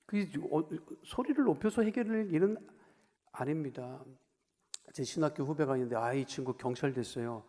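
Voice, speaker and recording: A man preaching a sermon as pastor, talking conversationally, putting questions to the congregation and moving between raised emphasis and quiet asides. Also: a little high, lively intonation, moderate pace. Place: church sanctuary. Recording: long reverb of a large church hall.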